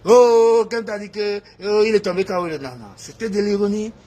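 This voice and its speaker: A man, talking to his supporters in a casual live video, animated and laughing, slipping into Pidgin English. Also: high voice, moderate pace. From Cameroon. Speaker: activist addressing supporters.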